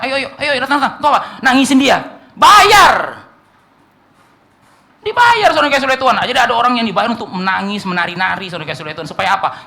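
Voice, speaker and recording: Animated, gravelly-voiced Indonesian male preacher. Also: high voice. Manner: animated preaching, swings from hushed to shouting; repeatedly addresses the congregation. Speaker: pastor. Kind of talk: sermon.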